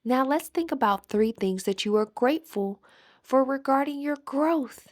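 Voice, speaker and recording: A woman guides a meditation as the instructor, her high-pitched voice expressive yet soothing. She speaks deliberately and leaves gentle pauses.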